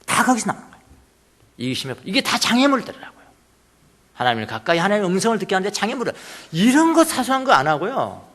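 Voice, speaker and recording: Male pastor, sermon, emphatic and questioning, lively pitch, long hall reverb. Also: quick pace. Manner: emphatic, repeats phrases, asks the congregation.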